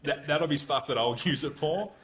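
A man's voice: on the high side, normal speed, fairly bright tone. Blunt, chatty man talking ads. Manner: blunt, conversational, acts out sample prompts. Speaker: guest, Google Ads consultant. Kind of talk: casual podcast interview.

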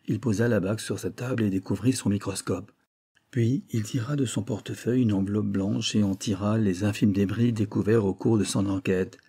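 Male audiobook narrator: mellow, husky, measured. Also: lowish voice, fairly even intonation. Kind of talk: scripted narration.

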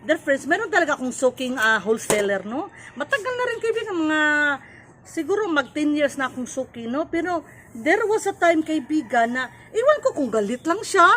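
Cebuano-accented lady chatting to the cam, kinda high voice, faint bg noise. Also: big pitch swings, normal speed, fairly bright tone. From Cebu, Philippines. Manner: chatty, repeats "kaibigan" and "no?", mixes in English. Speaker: sari-sari store owner vlogger. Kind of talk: casual advice vlog.

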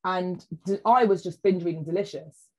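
A woman, a food writer chatting as a podcast guest and telling lively stories with many "like" and "you know" asides. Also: lowish voice, normal speed, rough recording. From England. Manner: animated storyteller, acts out quoted voices, frequent "like" and "you know". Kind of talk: casual chat.

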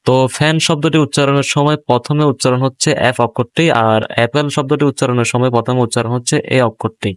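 A male teacher talks a class of young pupils through a textbook page, stopping to ask them questions. His voice is smooth and clear, at a middle pitch. The sound is close and dry. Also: steady tone, fast talker, few pauses, dry recording. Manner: explains each English word in Bengali, asks pupils questions. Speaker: primary school English teacher. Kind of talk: explaining a textbook lesson.

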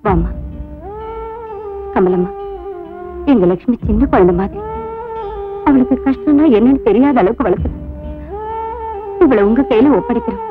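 A woman's voice: fairly high pitch, sing-song, moderate pace, pauses often. A middle-aged woman playing a caring motherly figure who reassures and hands over a young bride, tender in manner. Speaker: bride's relative. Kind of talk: dubbed film drama. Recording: tinny phone-like dub over loud film music.

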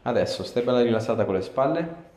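This chiropractor's voice is mid-range, animated and fast, with a slightly mellow tone. He coaxes his patient along with short, repeated directions during hands-on treatment, recorded indoors in a small, echoey clinic room with clear background noise.

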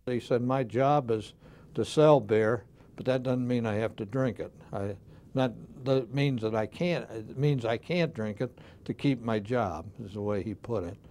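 Warm-toned matter-of-fact male interviewee. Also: medium pitch, a little slow.

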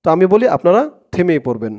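A man with a Bangladeshi accent teaching Quran recitation, spelling out Arabic syllable by syllable and chanting the phrases in long drawn-out tones. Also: high voice, very animated, darkish tone, dull audio. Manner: slow, drawn-out chanting of the Arabic phrases, plain spoken explanations.

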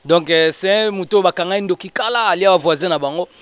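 A man talking in an animated, casual way, switching between Lingala and French. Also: high voice, fast talker, clear, resonant tone.

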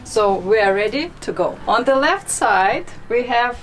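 A woman's voice: fairly high pitch, lively intonation, unhurried, a bit bright, a little hiss or hum. A young woman giving a cheerful, laughing tour of a small wooden treehouse, talking in a casual vlog style with non-native phrasing. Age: young adult. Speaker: vlogger giving a house tour. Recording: music playing underneath. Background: background music.

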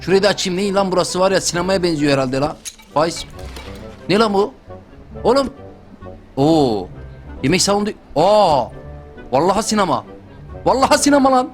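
A man's voice: sits high, moderate pace, pauses often, soft background music. A young man doing joking lets-play commentary for a gaming channel, talking straight to his viewers. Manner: excitable, joking, talks to viewers. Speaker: gaming youtuber.

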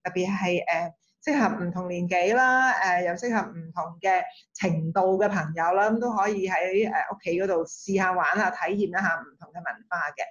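A woman's voice: on the low side, a little fast, a bit bright, lo-fi sound. A woman hosting an online workshop by video call, friendly and hesitant, with many fillers and easy laughter. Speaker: workshop host. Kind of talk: bilingual online introduction. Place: indoor office.

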